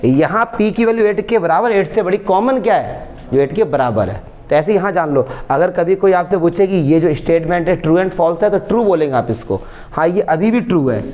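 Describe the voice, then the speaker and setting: A man with a fairly high voice teaching maths for an exam. He talks students through each step in a coaxing way and keeps checking that they have understood. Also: a little mellow. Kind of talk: explaining board exam maths.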